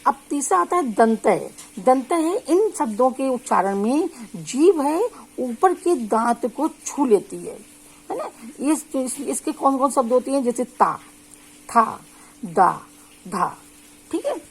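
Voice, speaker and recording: A woman lecturing as a teacher, her voice sitting a little high. She talks through each point steadily, stretching out example syllables and pausing often to check the class is following. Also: sing-song, a little mellow, husky, poor audio. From India. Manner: slow, drawn-out sample syllables with frequent check-ins. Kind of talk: spoken lecture on phonetics.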